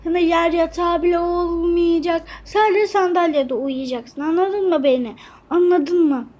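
Girl doing a mean stepmom in a toca game, high voice, slow bossy orders, dull lo-fi sound. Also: a little mellow. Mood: cruel, bossy. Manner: harsh, commanding, mocking.

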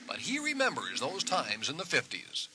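A man narrating a television feature as a field reporter, measured and wry. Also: on the high side, huge pitch swings, bright, forceful tone, a little hiss or hum, low-quality recording. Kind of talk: scripted narration.

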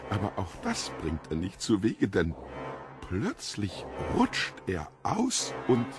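A male actor with a low-sitting voice plays a mysterious foreign stranger who is the Devil in disguise in an audiobook drama. He's courteous and theatrical, heavily acted, relishing every morbid detail.

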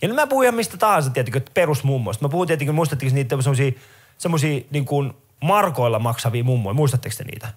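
A middle-aged man with a Finnish accent performing a stand-up comedy set, telling stories in an animated way and jumping into high voices for characters.

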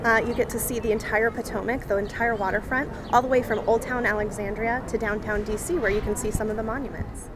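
A woman's voice: fairly high pitch, steady tone, fast. A young woman, a marketing director, answers interview questions outdoors on a waterfront plaza in an upbeat, promotional way with frequent ums. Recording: outdoor noise behind the voice.

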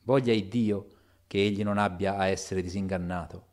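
A man voicing a cautious, dutiful middle-aged male lawyer in a spoken audiobook, with a measured and reasoning delivery. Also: low-pitched, steady tone, a little mellow, lightly acted.

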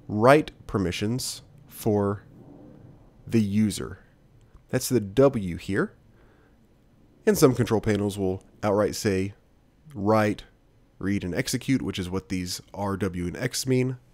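A man narrating a software tutorial screencast as instructor, in a steady, plain-spoken, explanatory way. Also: lowish voice, no room sound.

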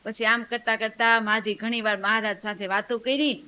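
A woman's voice: on the high side, little pitch movement, moderate pace, pushed and bright, muffled recording, a little hiss or hum. A woman telling a devotional story, acting out the voices of its characters as she goes. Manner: storytelling with quoted dialogue. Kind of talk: religious story narration.

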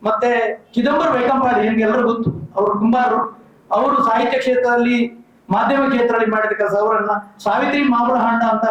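A man with a very high speaking voice makes an earnest, persuasive appeal, reeling off names and numbers. He sounds far from the mic in a very echoey room, and the recording is dull and muffled. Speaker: community organizer speaking at a press meet. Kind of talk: formal public appeal.

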